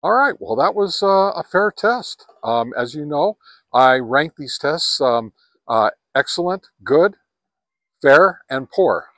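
A man in his sixties rambles casually through a hands-on ham radio review, leaning heavily on fillers. His voice is fairly high and bright, animated yet slow, with no room sound. He films on a handheld camera at arm's length, starting in his home radio shack, then moving to a park outdoors and finally into a truck.

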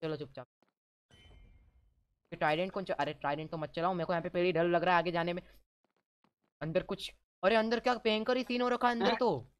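A man giving excited let's-play commentary as a gaming YouTuber, teasing and ordering his teammates around. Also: sits high, fairly quick, long pauses, smooth.

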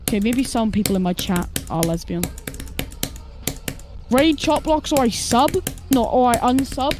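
A woman streaming a game live, teasing her friend in playful, quick banter. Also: on the high side, background noise.

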